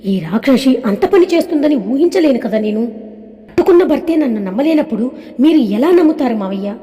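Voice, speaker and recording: A woman's voice: high voice, lively intonation, fairly quick, warm tone, long reverb tail. A woman voicing a wronged young wife who pleads with her father-in-law in a tearful tone. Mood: pleading. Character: grieving young wife, hurt but composed.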